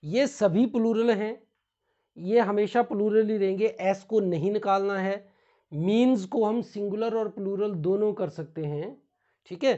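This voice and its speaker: A man with an Indian accent teaching English grammar in a classroom, explaining slowly in Hindi mixed with English and spelling words out. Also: high-pitched, dark tone, dull audio.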